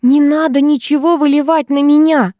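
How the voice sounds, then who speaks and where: A woman reading an audiobook, voicing an indignant teenage schoolgirl with shrill outraged outbursts. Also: fairly even intonation, fairly quick, a little mellow, no echo, clean studio sound, close to an everyday voice.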